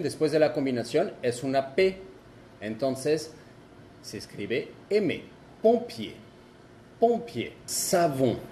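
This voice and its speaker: A man giving a video lesson, explaining slowly and repeating and exaggerating each example word. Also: a little high, darkish tone, a little hiss or hum. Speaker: French teacher.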